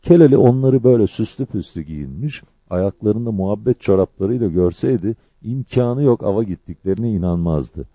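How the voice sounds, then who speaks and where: A man reading a village story aloud in steady, lively storyteller phrasing, in a dull lo-fi recording. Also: lowish voice, a little fast, hardly any pauses, dry recording. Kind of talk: scripted story narration.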